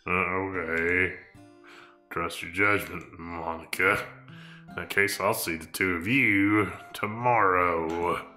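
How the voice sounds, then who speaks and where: A man voicing a shy, earnest schoolgirl in an amateur visual novel reading, hesitant and measured. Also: sits low, steady tone, pushed and bright, exaggerated voice. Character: shy, earnest schoolgirl club vice president. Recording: roomy sound, music behind.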